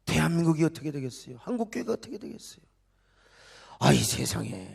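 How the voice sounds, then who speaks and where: Male pastor, church sermon, high voice, gravelly, emphatic, quiet to shouting. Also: very animated, quick pace. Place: church sanctuary.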